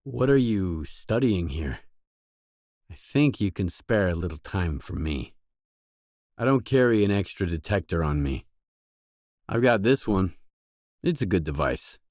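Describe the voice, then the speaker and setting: Skif, a low-voiced terse game stalker. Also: male voice, very animated, unhurried, pauses often, darkish tone, no room sound, studio quality. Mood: matter-of-fact. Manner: matter-of-fact, terse, blunt. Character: Skif, gruff young male loner stalker, wary and pragmatic. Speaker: video game protagonist. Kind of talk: game dialogue voice lines.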